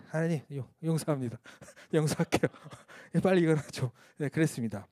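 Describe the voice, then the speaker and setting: A man's voice: sits high, a little mellow, no echo, clean studio sound. A male missionary preaching a candid testimony sermon at a church service, telling his story in a frank, self-mocking way.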